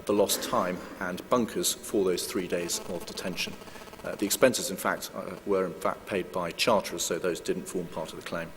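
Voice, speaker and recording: A man giving a formal legal presentation at a conference, measured and hedging, with frequent filler sounds. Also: deep voice. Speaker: lawyer giving a conference talk. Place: conference hall. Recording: long hall reverb with faint hum.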